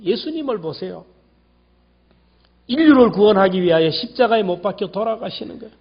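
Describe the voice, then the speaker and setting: A male pastor preaching a sermon with emphasis, repeating key words and swinging between loud and hushed delivery. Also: high voice. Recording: dull lo-fi church recording.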